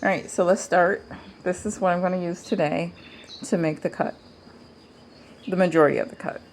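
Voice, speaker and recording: A woman's voice: on the low side, steady tone, moderate pace, slight background noise. A woman giving a casual DIY demonstration to viewers, speaking informally and thinking aloud, her voice muffled by a mask over her mouth. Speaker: DIY tutorial host.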